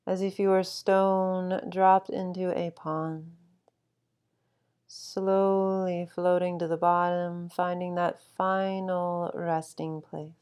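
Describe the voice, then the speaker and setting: A woman guiding a sleep meditation with calm, soothing instruction and long, unhurried pauses. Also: fairly low pitch, smooth. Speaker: meditation guide.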